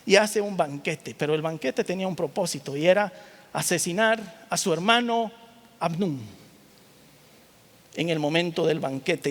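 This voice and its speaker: A man preaching a sermon, with a fairly high voice. He retells a Bible story with animation, acting out its characters and asking his listeners questions, and the sound carries a long hall reverb. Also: a bit bright. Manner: asks the audience rhetorical questions.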